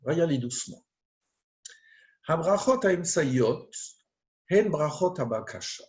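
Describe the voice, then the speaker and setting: Slow, deliberate rabbi teaching. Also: male voice, on the high side, lively intonation. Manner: slow, deliberate, reads Hebrew then translates phrase by phrase. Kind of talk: teaching a prayer text.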